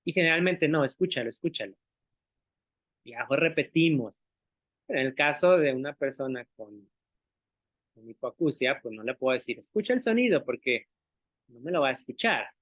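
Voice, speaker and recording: A man's voice: mid-range voice, moderate pace, pauses often, fairly bright tone, no echo. A male teacher gives an explanatory talk to other teachers, patiently checking that listeners follow along and modeling sounds aloud. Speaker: language teacher presenting to teachers. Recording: dry, tinny phone-like sound.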